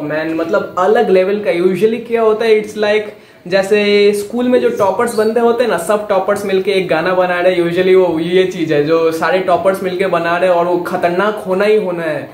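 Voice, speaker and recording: A man hosting a music reaction channel, explaining song lyrics in casual commentary, hyped up and switching between Hindi and English in quick bursts. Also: high voice, fairly even intonation, darkish tone, reverberant.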